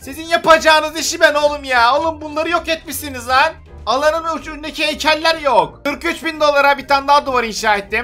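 A man giving playful, excitable gameplay commentary, teasing and trash-talking other players as he builds and fights. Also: extremely high pitch. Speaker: gaming YouTuber. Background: faint background music.

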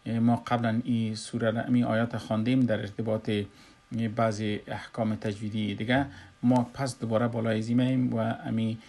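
A man with an Afghan Dari accent teaches Quran recitation in a recorded lesson, explaining slowly and pausing often with "uh". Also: lowish voice, flat delivery, creaky, a little mellow. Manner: slow, explanatory, with frequent "uh" pauses.

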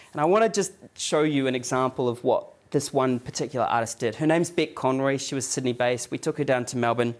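Chatty New Zealand man lecturing. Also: medium pitch. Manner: checks in with the audience by asking "Yeah?"; loose, rambling delivery with restarts and fillers. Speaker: guest lecturer. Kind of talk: conversational lecture. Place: office event space with a live audience.

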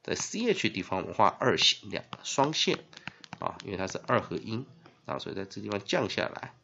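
A man teaching English spelling and phonics in Mandarin with a Taiwanese accent, spelling words out letter by letter and filling pauses with drawn-out "ah" sounds. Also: on the low side, creaky, a little hiss or hum. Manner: spells words letter by letter, heavy fillers, lively emphasis. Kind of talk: classroom-style phonics lesson. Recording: dull lo-fi recording.

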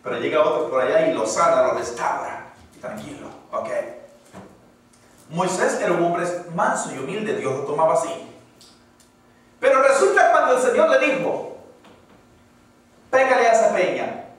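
A man preaching a sermon as pastor, calling out to the congregation, swinging from loud exclamations to hushed asides. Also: a little high, very animated, moderate pace, long pauses. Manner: call-and-response preaching. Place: church hall. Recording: very echoey hall, from far off.

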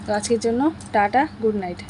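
A woman's voice: mid-range voice, fairly quick, background noise. A young woman, casually narrating daily chores in a family vlog. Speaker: vlogger.

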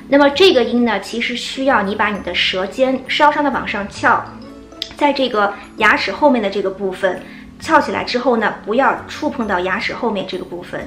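A woman whose first language is Chinese teaches English pronunciation at a mid pitch. She explains step by step and slowly repeats practice words. Her voice sounds echoey, with faint music underneath. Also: a bit bright. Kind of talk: pronunciation lesson.

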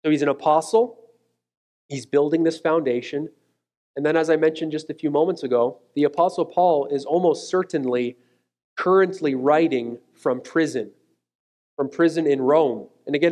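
Male pastor, 30s, on a church stage. Earnest emphatic sermon delivery, slightly high voice. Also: a little mellow. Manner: earnest, emphatic preaching with slowed key words. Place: church stage, mid-size room indoors.

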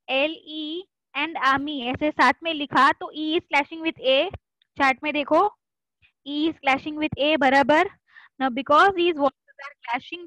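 A woman teaches French over an online class, her voice high and her delivery slow and deliberate. She drills each pronunciation again and again and calls on students by name. The sound is dry and a little dull, like lo-fi online class audio. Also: fairly bright tone, no room sound. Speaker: French tutor. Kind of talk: online class, explaining in Hindi and English.

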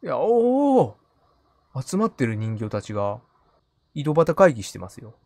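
Animated male game streamer. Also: lowish voice, moderate pace, no echo. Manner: playful muttering to himself, repeating short phrases. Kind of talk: live gaming commentary, casual.

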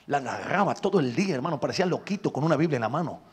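A man's voice: a little high, lively intonation, racing, breathy edge. A male Pentecostal evangelist preaching a sermon, calling out to the congregation with frequent hallelujahs. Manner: loud, call-and-response preaching with many hallelujahs.

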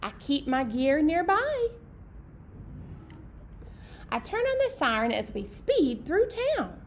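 A woman in her thirties, working as a children's librarian, presents storytime in a meeting room indoors, addressing young children and parents plainly. Her voice sits high and sing-song, and she speaks slowly over clear background noise.

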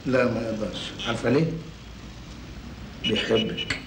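A man's voice: mid-range voice, level tone, moderate pace, a bit bright, close to an everyday voice. An actor playing a scheming, boastful con man, speaking with an Egyptian accent in an old film. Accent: Egyptian Arabic. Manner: boastful, cocky, teasing. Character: scheming smooth-talking male con man. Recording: echoey film soundtrack with hiss.

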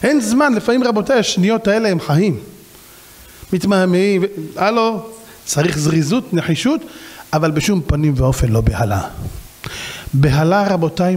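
A rabbi delivers an animated sermon to his listeners. His fairly high voice swoops up and down as he fires off rhetorical questions and acts out little scenes. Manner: animated preaching with rhetorical questions and acted-out quotes.

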